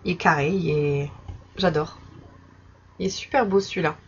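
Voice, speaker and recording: A young woman casually chatting in her vlog while showing stickers she bought, with many fillers and soft laughs. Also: deep voice, moderate pace. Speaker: vlogger. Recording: slightly dull recording with faint background noise.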